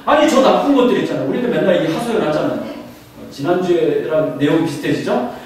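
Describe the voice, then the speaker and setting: A man's voice: on the high side, animated, a little fast, creaky, a little mellow. A man preaching a sermon as pastor, often putting questions to the congregation. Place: church sanctuary. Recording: echoey church hall from far off.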